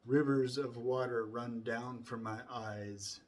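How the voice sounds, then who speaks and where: A man reciting scripture from memory in a solemn, deliberate way, starting phrases with emphasis and softening toward the ends. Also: mid-range voice, steady tone.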